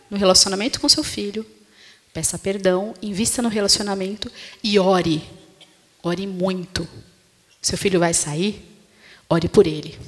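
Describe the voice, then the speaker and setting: Brazilian woman pastor preaching in reverberant hall. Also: mid-range voice. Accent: Brazilian Portuguese. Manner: conversational preaching, tag questions to the congregation. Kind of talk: sermon. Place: church hall. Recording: long reverb of a church hall.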